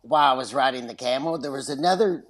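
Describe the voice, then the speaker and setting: A man's voice: medium pitch, fast talker, a crowd in the background. A man with a West Texas twang, chatting casually and enthusiastically as a podcast guest. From West Texas, USA. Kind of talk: casual chat.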